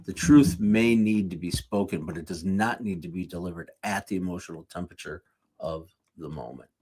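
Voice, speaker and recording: Low husky guy giving a chatty sermon, fixes his words on the fly. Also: fairly quick, darkish tone. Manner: off-the-cuff, corrects himself mid-sentence. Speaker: speaker at a live church series. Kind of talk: conversational sermon with jokey asides.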